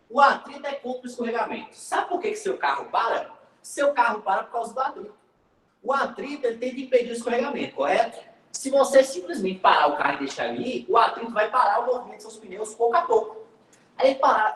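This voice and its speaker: A man teaching physics in an online class, lively and joking, speaking with a Brazilian Portuguese accent and calling students by name. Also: extremely high pitch, echoey room, distant mic, poor audio.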